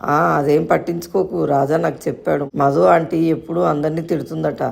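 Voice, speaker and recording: A woman's voice: deep voice, fairly even intonation, moderate pace, vocal fry, a little mellow. A woman voicing a chatty, innocent young boy who asks questions and rambles on.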